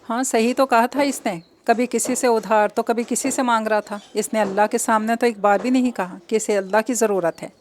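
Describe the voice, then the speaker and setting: A woman reading an audio novel in an even, measured storytelling voice. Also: on the high side, slight background noise. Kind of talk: scripted narration of an audio novel.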